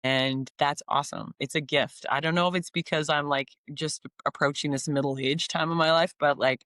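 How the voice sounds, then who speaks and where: A woman's voice: deep voice, steady tone, moderate pace, a bit bright, dry recording, clean studio sound. A woman in her forties from Canada, a singer-songwriter talking in a casual interview, upbeat and enthusiastic with frequent ums and restarts. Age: 40s.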